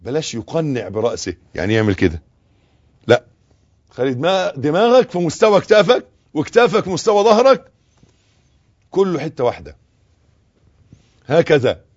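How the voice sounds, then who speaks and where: An Egyptian man with a slightly raised pitch gives a religious lesson, correcting how people recite and showing the right way. He often drops into slow, quiet recitation. The recording is dull and lo-fi. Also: big pitch swings. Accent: Egyptian Arabic. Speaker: religious teacher. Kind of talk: instructional talk on prayer and recitation.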